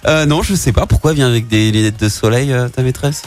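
A man's voice: medium pitch, fast, soft background music. A man hosting a morning radio show in a studio, joking and playful, with some hesitant restarts. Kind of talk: lively morning radio chat. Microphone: studio microphone.

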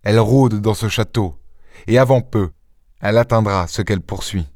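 A man doing a grave calm gentleman detective, slow and serious, dry sound. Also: dry recording, lightly acted. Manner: low, measured, solemn.

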